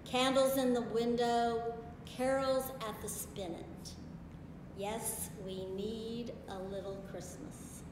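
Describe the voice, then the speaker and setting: A woman in her sixties preaching a sermon from a pulpit in a large stone church, in a slow, measured way with solemn pauses. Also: a little high, flat delivery. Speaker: pastor. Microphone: far camera. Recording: echoey church from far off, hiss.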